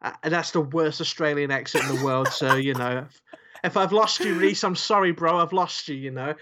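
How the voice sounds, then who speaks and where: A man's voice: a little high, fairly quick, background noise. A man co-hosting a podcast in casual chat, rambling and joking with lots of fillers. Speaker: podcast co-host.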